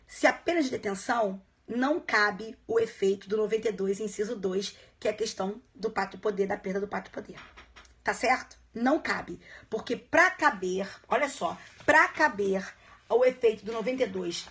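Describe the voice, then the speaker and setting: A woman teaching law in a casual live-streamed exam review, checking in with viewers often and chatting warmly between points. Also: fairly high pitch. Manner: chatty, warm asides to viewers, frequent "tá?" checks. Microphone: phone live stream.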